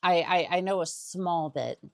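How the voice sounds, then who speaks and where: Slow-talking woman streamer, low voice. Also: no room sound, clean studio sound. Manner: rambling, restarts sentences. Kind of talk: casual gaming stream chat.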